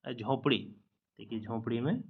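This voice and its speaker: Gravelly male teacher, patient and repetitive. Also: medium pitch, normal speed, phone-quality sound. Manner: explains patiently, repeating each correct spelling; mixes English words into the lesson. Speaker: exam-prep teacher. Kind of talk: slide-based spelling lesson.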